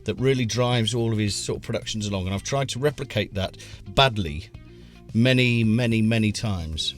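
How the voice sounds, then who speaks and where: A man's voice: lowish voice, normal speed, soft background music. A middle-aged man, co-hosting a casual chat, jokey and fond of mimicking sounds. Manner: jokey, hums and imitates sounds, lots of "yeah". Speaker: co-host of a music production show.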